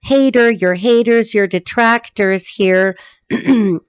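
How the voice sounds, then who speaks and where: A woman's voice: medium pitch, slow, clear, resonant tone, no echo. A middle-aged woman giving a casual, rambling tarot reading to camera, laughing often as she talks. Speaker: tarot reader.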